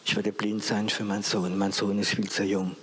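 A man's voice: lowish voice, level tone, normal speed, breathy edge, pitched below the performer's own voice. A man telling it as a grave old king. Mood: solemn. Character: old king keeping his word, grave and firm.

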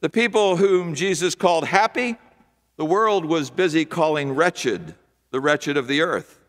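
Standing at a wooden pulpit in a big church sanctuary, an older pastor delivers a sermon through the pulpit mic, his slightly high voice expressive and a bit bright. He preaches in rhythmic, repeating phrases with emphatic pauses while gesturing broadly with both hands, and the hall's long reverb carries through.

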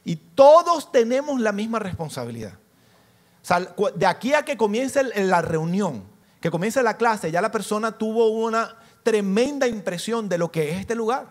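A pastor with a fairly high voice and lively intonation gives an interactive church teaching at a moderate pace, firing questions at the congregation. Acting out little scenes, he shifts from bold, rising calls to soft, tender passages.

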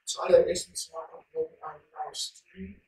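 A young man with an altered voice from a voice changer, chatting casually and haltingly as a gaming YouTuber. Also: fairly high pitch, fairly even intonation, warm tone. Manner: halting, hesitant delivery. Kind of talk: casual chat over gameplay. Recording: distant roomy mic with faint noise.

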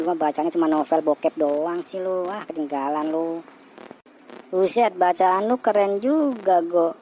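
A woman's voice: on the low side, a little hiss or hum, poor audio. A woman voicing a cartoon group of friends in casual, teasing banter with a Jakarta Betawi accent. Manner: teasing, slangy street chat.

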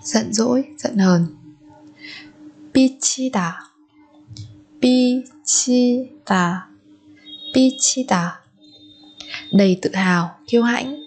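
A woman teaching Korean vocabulary to Vietnamese speakers, saying each word slowly three times and then explaining its pronunciation. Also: a little high, a little mellow, breathy edge. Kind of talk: vocabulary lesson with repeated pronunciation.

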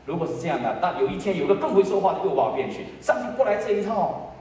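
Man in his sixties, pastor, lively pitch, hushed then surging sermon delivery, heard from far off in a roomy church. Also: fast, slight background noise. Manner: swings between hushed low lines and loud high emotional peaks. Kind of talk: sermon with personal testimony. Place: church sanctuary. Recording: echoey church hall, voice from far off.

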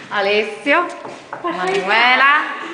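A woman's voice: high voice, expressive, very slow. Woman chatting in a big echoey church, noisy background, lots of ums. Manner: hesitant, many fillers. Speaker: nativity scene volunteer. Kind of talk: casual interview answers.

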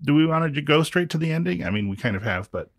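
A man's voice: a little high, lively intonation, fast talker, no room sound, clean studio sound. Wry, rambling man in his forties. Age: 40s. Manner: rambling, self-interrupting, wry. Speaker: podcast co-host. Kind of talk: casual book discussion.

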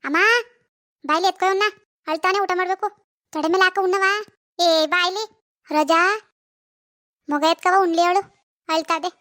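A woman voicing a bossy village mother in an animated family story, loudly calling out orders to others in the house. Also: extremely high pitch, rapid-fire, hardly any pauses.

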